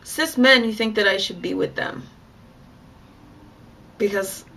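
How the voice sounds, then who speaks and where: A woman's voice: medium pitch, slow, gravelly, sharp tone. A young adult woman talking frankly and chattily in a casual vlog monologue. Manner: frank, chatty, with bursts of laughter. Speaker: vlogger.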